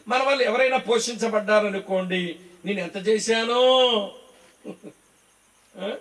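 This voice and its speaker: A man's voice: high voice, far from the mic. A male pastor preaching a sermon, asking the congregation rhetorical questions and calling out to them.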